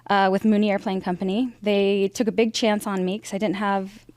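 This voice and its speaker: A woman's voice: medium pitch, level tone, fairly quick, a little mellow, dry recording. A woman in her forties, raised in Idaho, telling her career story as an interview guest in a chatty, rambling way. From Idaho, USA. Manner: chatty and storytelling, with frequent fillers and restarts. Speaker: interview guest, aircraft sales director. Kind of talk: conversational interview.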